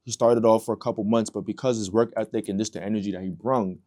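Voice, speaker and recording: A man's voice: lowish voice, fairly even intonation, fast talker, darkish tone. A man hosting a casual interview, affirming and reflecting on his guest's story with lots of "you know" and "like.". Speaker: host.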